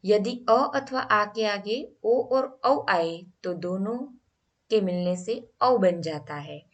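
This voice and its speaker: A woman's voice: medium pitch, slow pace. A woman teaching a grammar lesson, explaining each rule step by step and asking the class questions.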